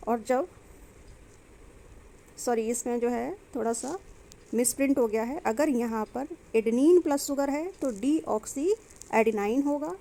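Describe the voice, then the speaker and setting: A young woman with a high, light voice teaches biology for an exam-prep class. She walks through each point step by step, poses questions and answers them herself, and slips English terms and sentences into her explanations. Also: a little slow, gravelly, pauses often, dark tone.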